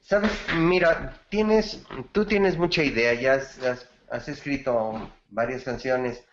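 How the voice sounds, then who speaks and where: A man's voice: medium pitch, slow, roomy sound, dull audio. A man teaching songwriting gives feedback on a student's bolero, praising it and explaining grammar with song examples. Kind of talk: feedback in an online class.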